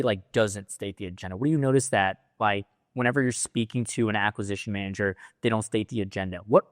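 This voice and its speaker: Low-voiced man asking follow-ups. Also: dry recording, studio quality. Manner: short agreeing replies, probing follow-up questions. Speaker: interviewer. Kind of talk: casual interview questions.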